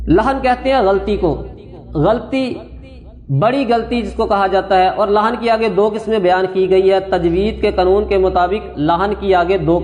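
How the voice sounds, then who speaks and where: A man's voice: high voice, darkish tone. A man teaching religious rules on prayer and correct recitation, explaining step by step and repeating his points. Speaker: qari teaching Quran recitation. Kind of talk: religious lesson on prayer and tajweed. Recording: echoey hall reverb.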